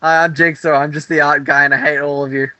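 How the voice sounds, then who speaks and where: A man's voice: a little high, little pitch movement, fast talker, bright, forceful tone, dry recording, dull audio. A man co-hosting a podcast, swearing and mock-hostile toward his friends. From Australia. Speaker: podcast co-host, the art guy. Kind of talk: casual banter.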